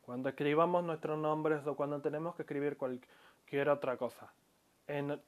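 A man who calls himself an audio-lesson maker teaches Japanese pronunciation to his listeners at a moderate pace. His voice is rather high and steady, and he explains patiently, lengthening example words and making frequent restarts.

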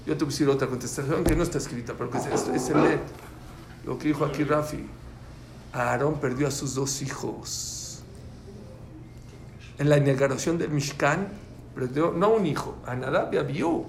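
A man's voice: fairly high pitch, normal speed. Emphatic man teaching a religious class. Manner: emphatic, repeats key phrases, asks the class questions. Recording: echoey room with faint background noise.

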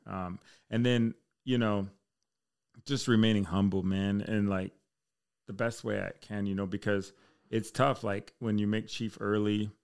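His voice sits lowish, gravelly yet clear and resonant: a man in his thirties, a fire chief, chatting easygoingly on a podcast. He swears casually and lets his stories ramble.

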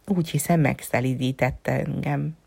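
A woman's voice: extremely low pitch, steady tone, gravelly, dark tone, breathy edge, no room sound, exaggerated voice. A woman voicing a curious, earnest little boy prince in a storybook reading, with a raised, eager, questioning tone.

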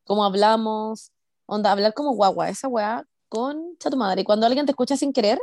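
A woman's voice: a little high, a little fast, a little mellow, no room sound, studio quality. A young woman with a Chilean accent chatting casually as a podcast host, swearing bluntly and dropping English into slangy Spanish. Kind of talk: casual chat.

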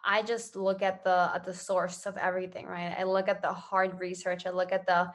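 A social entrepreneur from Ecuador answers interview questions casually and earnestly, often tagging her phrases with "right?". Her voice is lowish with little pitch movement, at a moderate pace.

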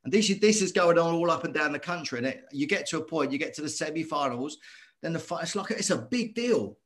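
A middle-aged man, a former boxer telling his story as a guest in earnest, animated talk that circles back on itself. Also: on the high side, quick pace. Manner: earnest, animated, repeats himself. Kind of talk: conversational storytelling.

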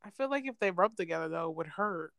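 Smooth-voiced young woman, laid-back chat. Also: lowish voice, expressive, fast talker, a bit bright, no echo, studio quality. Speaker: podcast co-host. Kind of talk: casual chat.

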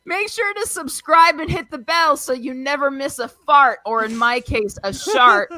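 Giggly bright-voiced woman podcast host. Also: sits high, a little slow, no echo, poor audio. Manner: bawdy, giggly, self-mocking. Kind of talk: crude comedic podcast banter.

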